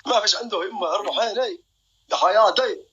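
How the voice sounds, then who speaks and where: A man's voice: sits high, fairly quick, sharp tone, slightly rough, dull audio. A young man hosting a live stream. He jokes, boasts and keeps calling out to his viewers.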